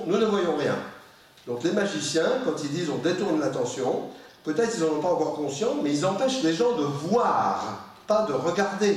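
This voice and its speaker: A man lecturing to a public audience in a slightly high voice, lively and informal, given to asides and muttered remarks. He sounds far from the microphone. The sound rings around a large, very echoey hall. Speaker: professor giving a public lecture.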